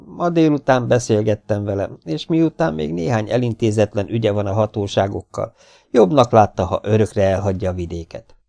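A man's voice: fairly low pitch, gravelly. A man reading as a mocking masked avenger. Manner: mocking, calm, self-assured. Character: mysterious masked male avenger, mocking and cool. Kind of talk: audiobook character voice.

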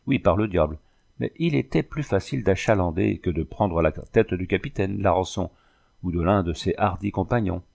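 A man with a low, gravelly voice reads a storybook aloud. He gives the sailors' shouts and the characters' lines their own lift in pitch. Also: moderate pace. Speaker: audiobook narrator. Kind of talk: storybook reading with voiced dialogue.

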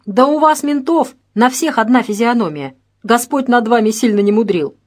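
A woman voicing a brash, contemptuous male petty criminal in an audiobook, loud and drawn-out. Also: a little high, pitched above the performer's own voice, natural voice.

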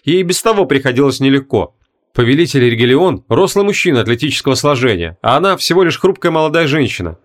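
A man's voice: mid-range voice, sing-song, quick pace. Man narrating an audiobook dramatically. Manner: dramatic, varied intonation.

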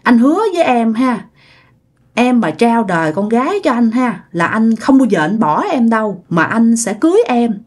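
A woman's voice: a little high, sing-song, moderate pace, a little mellow. A woman voicing a young man who pleads and sweet-talks his girlfriend. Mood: coaxing. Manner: pleading, wheedling.

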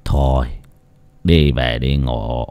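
A man's voice: rumbling low, steady tone, slow pace, darkish tone, pitched below the performer's own voice, heavily acted. A man voicing a stern, tired middle-aged father who speaks curtly. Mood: weary. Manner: gruff, tired, curt.

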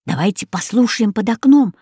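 A woman voicing a calm, reassuring boy in a storybook reading. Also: fairly high pitch, moderate pace, slightly rough, dry recording, clean studio sound. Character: calm, steady boy narrator.

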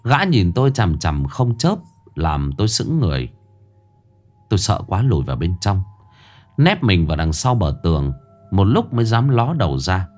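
Male horror storyteller, low and animated, dramatic and wry. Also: normal speed. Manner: dramatic, wry first-person telling. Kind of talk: scripted horror narration.

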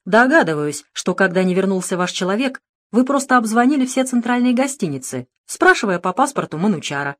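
A woman voicing a calm, sarcastic middle-aged male detective in an audiobook, speaking in a cool, mocking, unhurried way. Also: medium pitch, pitched above the performer's own voice, lightly acted. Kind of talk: audiobook character reading.

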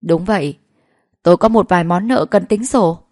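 A woman reads as a hard, controlling young husband in an audio novel. The lines come out clipped and commanding. Her tone is mellow and dark, and the recording is dry and close. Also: fairly low pitch, moderate pace, no echo, lightly acted. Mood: sneering. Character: cold, cruel wealthy young husband.

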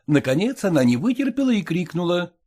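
Guy reading a story aloud, lively melody, warm dark tone. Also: high voice, brisk. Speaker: narrator.

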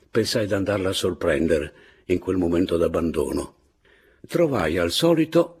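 A man reading a classic novel aloud in a measured, expressive narrating voice. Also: low voice, breathy edge. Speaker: audiobook narrator. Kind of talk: literary audiobook narration.

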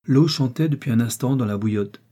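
A man narrating a classic novel as an audiobook, in a measured, even storytelling manner. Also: mid-range voice.

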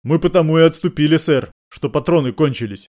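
A man's voice: a little high, brisk, a little mellow, natural voice. A man voicing a shaken, bloodied male police sergeant who reports in an agitated way. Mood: anxious. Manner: agitated, pleading.

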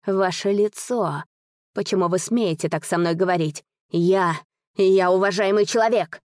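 A woman's voice: medium pitch, measured pace, darkish tone, no room sound, studio quality, lightly acted. A woman voicing a cowardly older nobleman who stammers and whines, in an audiobook story. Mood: flustered. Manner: stammering, whining.

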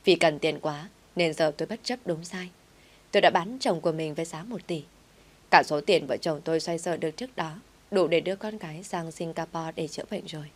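Low-voiced woman narrating a story. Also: fairly quick. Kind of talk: first-person story narration.

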